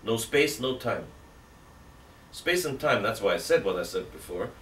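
With a fairly low, animated voice at normal speed, a middle-aged priest gives a catechism talk from his seat, asking emphatic rhetorical questions and using both hands to gesture as he reasons. The setting is an indoor room with an armchair. Audio is roomy and distant, carrying a faint hiss.

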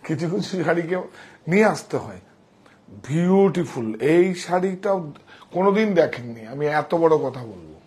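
Inside his saree showroom, a shop owner wearing a wireless chest clip-on mic makes a casual sales pitch, emphatic and often repetitive. His voice sits on the high side, yet it's darkish in tone and husky.

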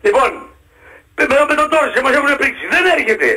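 A man calling in to a radio show, shouting angrily and repeating himself. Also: very high-pitched, animated. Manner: shouting, angry, repetitive. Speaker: radio caller. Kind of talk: heated call-in rant. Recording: tinny phone line.

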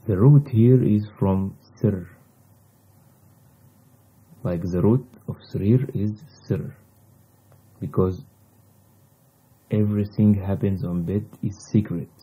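A man whose native language is Arabic, teaching a language lesson in deliberate, halting short phrases on a slightly dull recording. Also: lowish voice, breathy edge. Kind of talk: slow instructional language lesson.

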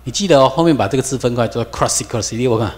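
A male lecturer speaking Mandarin with a Taiwanese accent at a mid-range pitch, pressing his class with emphatic rhetorical questions. He drills new words aloud with his students, and his voice carries a long reverb from the lecture hall around him. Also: rapid-fire, a little mellow.

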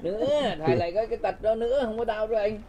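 A man's voice: sits high, steady tone, very fast, lo-fi sound, a loud crowd. A man, a lay visitor in casual chat, coaxing and insistent. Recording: noisy room with clicks.

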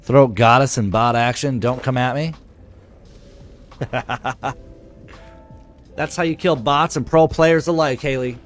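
A man live streaming chats loosely with his viewers, swearing freely and reading their comments aloud. His mid-range voice is steady in tone and slow, with long pauses, and faint music plays behind him.

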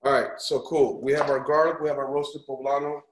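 A mid-range male voice with little pitch movement, a touch fast, leads a casual cooking class. The recording is echoey with background noise, and he stays upbeat and chatty, encouraging listeners and frequently checking in with "right?" and "okay?".

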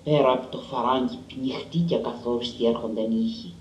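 A man giving a measured, dramatic literary reading of a story. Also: mid-range voice, fairly even intonation, a little mellow, highs cut off, a little hiss or hum. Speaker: reader. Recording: roomy and distant.

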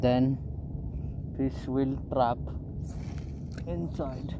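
A man's voice: mid-range voice, steady tone, drawn-out words, background noise. A middle-aged man chatting casually to viewers as he fishes from a small boat, filming on a phone held at arm's length, with boat and water sounds behind. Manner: chatty, addresses viewers as guys, simple phrasing. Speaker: fishing vlogger. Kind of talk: casual narration while fishing. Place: outdoors on a small boat at sea.

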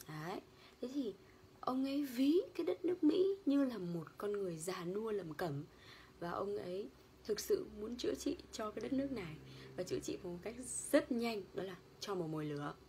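A woman from Vietnam, an English lecturer, teaching a vocabulary lesson. She explains word stress and meanings, and reads English quotes out slowly. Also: mid-range voice, a little mellow, slight background noise.

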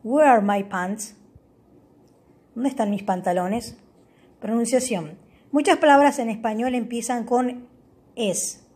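A woman hosting a tutorial, walking viewers step by step through a language-learning app and pausing often to check they follow. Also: a little high, darkish tone, slightly rough. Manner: reads English words aloud for the viewer. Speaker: tutorial host.

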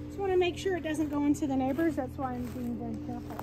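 High-voiced chatty woman outdoors. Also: fast talker, music in the background. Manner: chatty, upbeat, explaining step by step. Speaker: vlogger. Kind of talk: casual how-to demonstration. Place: backyard garden outdoors.

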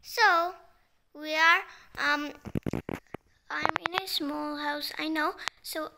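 A woman chatting casually as a vlogger, talking in a sleepy way and often dropping to a hushed near-whisper. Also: sits high, creaky, noisy background. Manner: slow and sleepy. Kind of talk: casual vlog narration.

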